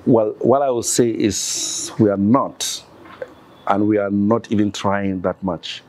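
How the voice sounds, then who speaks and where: This podcast guest from northern Nigeria speaks in a fairly low, slow, evenly pitched voice with a darkish tone and a faint hiss or hum. In a conversational interview, he earnestly and insistently rattles off one example after another.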